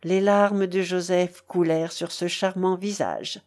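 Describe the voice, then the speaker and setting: A woman narrating a classic novel aloud in a measured, expressive storytelling manner. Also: lowish voice.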